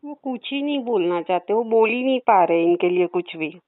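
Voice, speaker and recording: A woman's voice: mid-range voice, lively intonation, normal speed, dry recording, phone-quality sound. A woman giving a psychic reading, relaying messages, chatty and playful and laughing often. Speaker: psychic reader.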